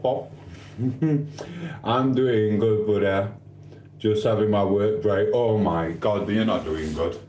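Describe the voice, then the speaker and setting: In the small hours, a middle-aged man from Sheffield cooks in his home kitchen while livestreaming, rambling and swapping mock insults with his chat in a somewhat low, slightly mellow voice and broad Yorkshire accent. The audio is echoey, like a bare kitchen, with faint noise underneath.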